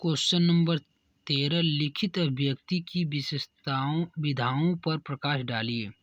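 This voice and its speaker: Guy reading out exam answers like dictation, bit high voice, dry close sound. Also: a little slow, no room sound. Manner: steady dictation-like reading with self-corrections. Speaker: teacher.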